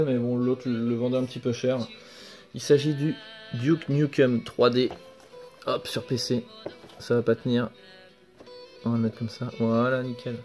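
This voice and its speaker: A young man talks through his finds in a casual show-and-tell vlog, relaxed and a bit hesitant, often stopping to correct himself. His voice is mellow and mid-pitched. A faint music bed plays quietly behind him. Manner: relaxed, hesitant, many fillers and self-corrections. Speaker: video game collector vlogger.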